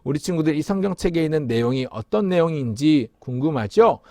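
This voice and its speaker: A man's voice: fairly high pitch, expressive, brisk, a little mellow, no echo, studio quality. A male pastor giving a children's sermon in a sing-song way, leading the kids in call-and-response.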